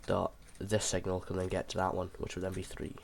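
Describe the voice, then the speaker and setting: A man's voice: low-pitched, monotone, fairly quick. A man who sounds unwell, giving an informal, hesitant gameplay tutorial as he thinks aloud. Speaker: video creator explaining a game build. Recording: clear background noise, mouse and keyboard clicks.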